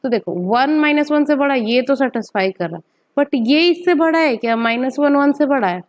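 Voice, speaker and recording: A woman's voice: high-pitched, normal speed. A woman teacher gives a step-by-step maths lecture, often asking rhetorical questions and checking in with "okay".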